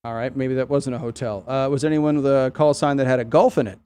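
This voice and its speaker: A man's voice: medium pitch, steady tone, fast talker. Man hosting a radio net, noisy background. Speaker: amateur radio net controller, host. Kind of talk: casual radio net check-ins with phonetic call signs.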